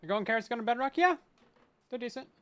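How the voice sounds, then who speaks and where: Giggly man streaming a game, lively. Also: very high voice, fast. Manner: giggly and playful, laughs often; chatty, talks to chat while playing. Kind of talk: casual live-stream gameplay commentary.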